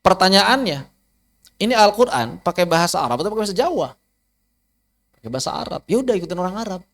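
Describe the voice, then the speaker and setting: A man's voice: high voice, sing-song, quick pace, fairly bright tone. A man, teaching a Quran recitation lesson online, asking rhetorical questions and demonstrating letter sounds aloud. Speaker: ustaz teaching tajwid.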